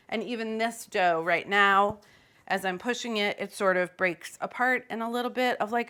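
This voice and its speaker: A woman's voice: medium pitch, fairly bright tone. Chatty woman teaching in a kitchen. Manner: chatty and playful, with loose fillers. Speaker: cooking host. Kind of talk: casual cooking demonstration. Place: home kitchen.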